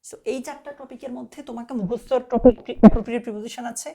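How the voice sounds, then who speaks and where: A woman's voice: fairly high pitch, rapid-fire, creaky, warm tone. A young woman tutor, giving a casual exam-prep lecture in a direct, coaxing way and often checking that students follow. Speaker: admission test tutor.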